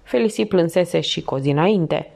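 Expressive woman narrating a novel. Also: fairly low pitch, creaky. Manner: expressive, dramatic storytelling. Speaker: audiobook reader. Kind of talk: audiobook narration.

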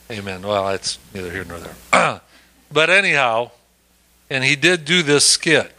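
A man's voice: mid-range voice, expressive, takes it slowly, long pauses, pushed and bright. A man leading a church Bible study in a folksy, easygoing way, with frequent amens and asides. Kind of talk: casual church teaching.

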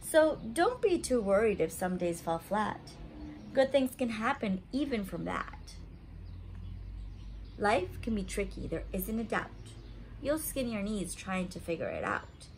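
In a small indoor room at home, a woman in her thirties leads story time for little kids. Her mid-range voice moves at a measured pace over slight background noise, and she keeps things expressive and simple, addressing a child directly with questions.

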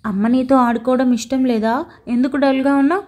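A woman's voice: sits high, steady tone, a little fast, a little mellow. A woman voicing a kind young mother in an audio story, affectionate and teasing.

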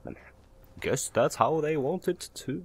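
A man giving casual, excitable gameplay commentary who yelps and shouts when he panics. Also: fairly high pitch, husky. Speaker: let's play host.

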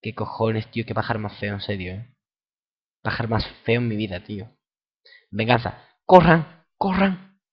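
A young man with a Spanish accent from Spain giving casual let's-play commentary, excitable and foul-mouthed, bursting into shouts. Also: fairly low pitch, moderate pace, long pauses. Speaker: gameplay commentator. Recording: lo-fi dull home recording.

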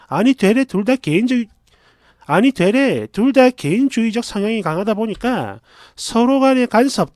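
A man reading a first-person story aloud in a chatty, confiding, expressive way. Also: extremely high pitch, dry recording, studio quality.

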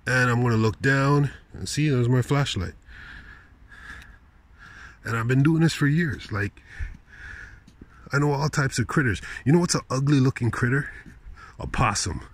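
Walking a park path at night, a male vlogger talks into a handheld phone, rambling casually with slangy, incredulous asides. His voice is medium-pitched at normal speed, and he pauses often.

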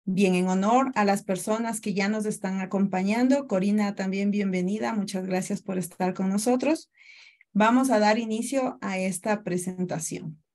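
A woman's voice: mid-range voice, steady tone, moderate pace, a little mellow. Ecuadorian woman in her thirties, courteous webinar presenter on a video call mic. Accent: Ecuadorian Spanish. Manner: courteous, greets attendees by name, explanatory. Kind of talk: online presentation.

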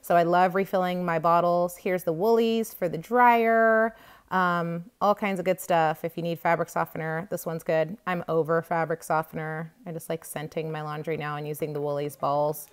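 Filming her grocery haul on a handheld phone from behind the camera, this woman chats casually and gushes over the products. Her voice is lowish and clean, with a steady tone at a normal speed. The store's ambient noise and some faint music sit in the background.

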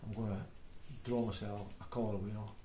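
A man's voice: lowish voice, flat delivery, moderate pace, dark tone. A man in his forties with a broad Scottish accent, chatting casually in a rambling, hesitant, self-deprecating vlog. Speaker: beginner painter making video diary. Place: indoor room at a table. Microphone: microphone, off camera. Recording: roomy echo, background noise, clicks.

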